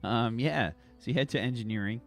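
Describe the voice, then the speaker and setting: A man improvising tabletop game narration as game master, halting as he searches for words. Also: medium pitch, faint music behind.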